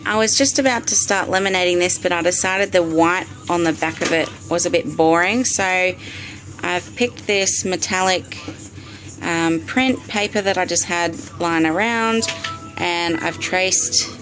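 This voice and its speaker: An Australian woman filmed on a phone video in her bedroom at night, chatting through a step-by-step DIY craft tutorial with frequent ums. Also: fairly low pitch. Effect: recorded on a phone video. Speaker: vlogger. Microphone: phone camera.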